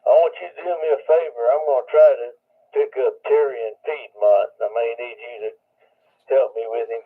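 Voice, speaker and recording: A man running a ham radio check-in net as net control, heard as a radio transmission with static, slow and easygoing. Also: mid-range voice, fairly even intonation. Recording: tinny narrow radio signal.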